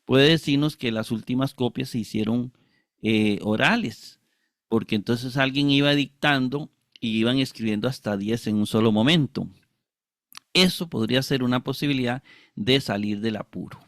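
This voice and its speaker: This is a man's mid-range voice, recorded dry with clean studio sound, teaching Greek Bible exegesis from ancient manuscripts. Deliberate and unhurried, he spells each Greek word out syllable by syllable, and his speech is dotted with throat clearing and tag questions asking for agreement.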